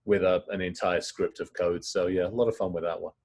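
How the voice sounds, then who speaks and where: A middle-aged man, a guest in a casual interview, talking in quick, rambling stories. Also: deep voice, fairly even intonation, darkish tone, slightly rough. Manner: fast, rambling storytelling.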